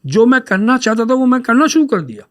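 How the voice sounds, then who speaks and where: Man, high-pitched voice, casual podcast storytelling, anecdotal, acts out dialogue, mixes in english words. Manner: animated, acts out dialogue when retelling. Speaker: podcast guest telling his story.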